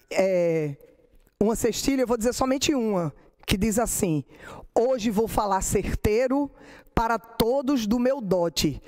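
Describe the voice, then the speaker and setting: A woman's voice: fairly high pitch, warm tone. Brazilian woman lecturing and reciting cordel verse. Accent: Brazilian Portuguese. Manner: explains verse forms, then recites poems slowly.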